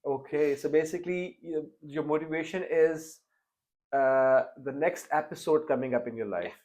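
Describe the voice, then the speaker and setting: His voice is a little high with a darkish tone, and he keeps a moderate pace. This young man hosts a casual interview podcast, hesitating frequently and peppering his speech with fillers and restarts.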